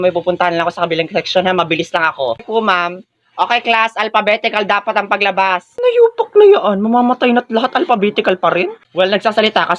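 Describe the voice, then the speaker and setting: Man voicing a whole cast of comic skit characters. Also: fairly bright tone. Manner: switches between many playful character voices, jumping high and low. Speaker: comedy sketch creator.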